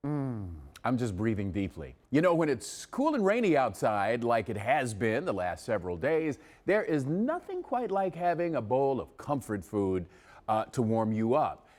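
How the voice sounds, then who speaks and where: A man's voice: medium pitch, big pitch swings, moderate pace, darkish tone, long reverb tail. A man hosting a lifestyle TV show, chatting casually and jumping in as he interviews guests. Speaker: TV show host.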